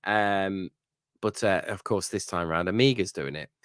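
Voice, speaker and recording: A man's voice: low voice, a little slow, fairly bright tone, smooth, no echo, clean studio sound. Man rambling through a plot recap. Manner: rambling plot recap with fillers and tag questions. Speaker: podcast co-host. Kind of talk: casual episode review chat.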